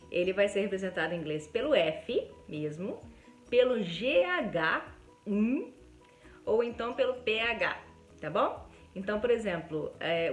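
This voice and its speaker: A Brazilian woman with a Brazilian Portuguese accent, giving a casual video lesson as an English teacher. She deliberately exaggerates sounds to demonstrate them and keeps checking in with her viewers. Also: mid-range voice. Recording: roomy echo with faint background music.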